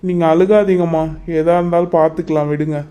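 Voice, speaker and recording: A man's voice: a little high, steady tone, a little fast, warm tone, clear, resonant tone, close to an everyday voice. A man voicing a polite young visitor in a cartoon who speaks respectfully to his friend's mother. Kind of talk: cartoon voice acting.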